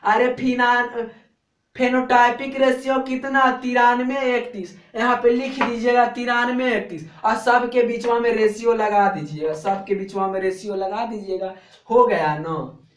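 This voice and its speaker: A man's voice: very high-pitched, steady tone, a little slow, slight background noise. A man with a Bihari Hindi accent teaching an exam-prep biology lecture. He talks in a colloquial, coaxing way, keeps checking whether students follow, and drills the answers by chanting them again and again. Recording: echoey room.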